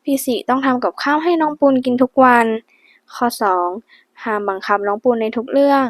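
A woman's voice: high voice, fairly quick, no echo, pitched above the performer's own voice, close to an everyday voice. A woman voicing a sulky, teasing young heroine in an audiobook, with pouting, bossy demands. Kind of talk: audiobook character voice.

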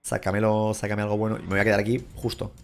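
A young man from Spain with a Spain Spanish accent, giving casual, excitable, crude Let's Play commentary and shouting at the game. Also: on the low side, fast talker, a little hiss or hum. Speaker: gaming YouTuber.

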